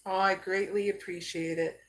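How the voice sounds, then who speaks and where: A woman from Arizona giving a live card reading, slow and soothing, often checking in with "okay?". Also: mid-range voice, level tone. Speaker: psychic card reader.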